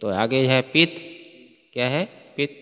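A man's voice: mid-range voice, slow pace, bright, forceful tone. A male teacher explains Sanskrit grammar to a class in Hindi, stopping often to ask his students whether they follow. He recites sutras, then explains them plainly. His voice carries a long reverb, as in a large hall. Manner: asks students frequent check questions. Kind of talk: classroom lecture.

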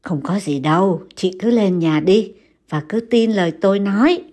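A woman voicing a calm young man who reassures a worried friend, in a steady, slightly lowered voice. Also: moderate pace, close to an everyday voice. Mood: reassuring.

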